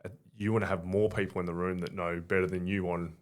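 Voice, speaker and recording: A relaxed Australian man with a very deep voice, talking casually as a podcast guest. He tells stories in a loose, anecdotal way, full of "like" and "sort of". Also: quick pace. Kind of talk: casual conversational storytelling.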